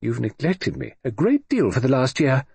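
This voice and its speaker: High-pitched imperious old lady, read by a man, crisp and commanding, dry close audiobook sound. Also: sing-song, moderate pace, darkish tone, dry recording, full character voice. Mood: tart. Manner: commanding, crisp upper-class speech.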